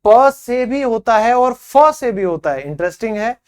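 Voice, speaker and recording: A man's voice: very high-pitched, animated, clear, resonant tone. A man teaching English pronunciation, saying each example word on its own and then explaining it, and talking directly to his viewers. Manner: slow, deliberate word-by-word drilling with glosses; addresses viewers as friends, asks them to comment. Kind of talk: spoken English pronunciation lesson.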